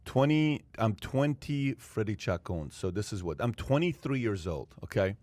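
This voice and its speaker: A man's voice: fairly low pitch, lively intonation, moderate pace, darkish tone, no echo. A man hosting a podcast panel, telling stories with animation and repeating his points for emphasis. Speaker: podcast host. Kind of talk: casual panel chat.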